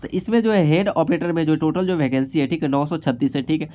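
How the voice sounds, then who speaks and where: A man with a slightly high, warm voice talks fast, walking through exam cut-offs and statistics in a casual way as an exam-prep instructor. Nearly every phrase he says ends with a short confirming tag.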